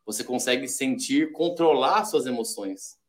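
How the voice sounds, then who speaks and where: A man's voice: mid-range voice, measured pace. A man from Brazil, a podcast guest in casual chat, explaining ideas step by step and acting out little quoted examples. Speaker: podcast guest, sales development rep.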